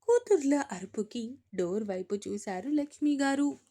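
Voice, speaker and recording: A woman narrating a romantic audio story with steady, expressive reading. Her voice sits a little high, and she moves through the scenes at an even clip. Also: unhurried.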